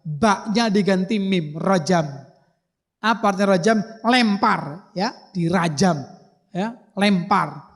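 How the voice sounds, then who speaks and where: High-voiced preacher in a mosque. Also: male voice, takes it slowly. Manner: folksy and explanatory, spelling out Arabic terms. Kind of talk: mosque sermon. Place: mosque hall. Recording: long hall reverb in a mosque.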